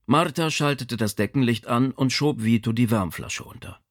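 A man reading a novel aloud as narrator, measured and expressive. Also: medium pitch. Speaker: audiobook narrator. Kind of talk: scripted narration.

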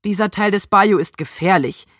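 A woman's voice: medium pitch, normal speed, fairly bright tone, no echo, clean studio sound, close to an everyday voice. A woman voicing an anxious, boastful young boy in a storybook reading, worried and insistent.

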